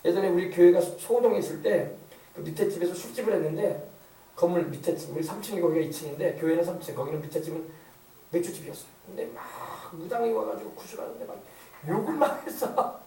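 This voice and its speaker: Pastor, man, middle-aged, high voice with a mellow tone, emphatic repetitive preaching, echoey church from a distance. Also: fast. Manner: rhetorical questions, emphatic repetition. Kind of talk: sermon. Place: church sanctuary.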